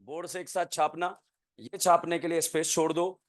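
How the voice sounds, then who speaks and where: A man teaching a chemistry class, asking the students quick questions and answering them himself, then dictating notes word by word. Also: fairly high pitch, steady tone. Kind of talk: classroom lecture.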